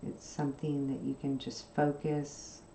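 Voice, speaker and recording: A woman hosting a craft channel, chatting casually and softly while she sews, rambling from one subject to the next with plenty of fillers. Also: low-pitched, completely flat delivery, a little slow, echoey room, a little hiss or hum. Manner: rambling, soft-spoken, with frequent fillers. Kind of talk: casual chat while sewing.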